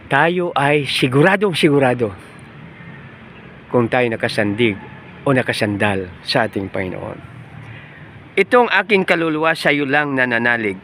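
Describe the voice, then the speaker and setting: A man's voice: mid-range voice, fairly bright tone, a little hiss or hum. A man preaching a devotional sermon outdoors among trees, in a conversational way that often asks his friends "no?" and mixes in English phrases. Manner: conversational, often asking "no?" and calling listeners "friends".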